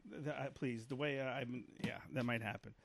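A middle-aged man on a podcast, telling a story in a loud, profane rant and acting out the quotes. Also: medium pitch, steady tone, a little fast, creaky. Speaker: podcast co-host. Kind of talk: casual chat, storytelling.

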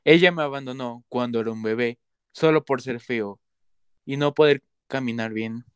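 A man's voice: mid-range voice, normal speed, smooth, dry recording, clean studio sound, lightly acted. A man playing a resentful rejected son, an outcast god, speaking sternly in a myth podcast. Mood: bitter. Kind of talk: acted myth retelling for podcast.

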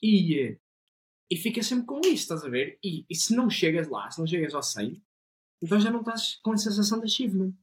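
A man's voice: high-pitched, big pitch swings, quick pace, slight background noise. A young man with a European Portuguese accent, chatting on a podcast with enthusiasm and plenty of slang and swearing. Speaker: podcast co-host. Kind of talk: casual podcast chat.

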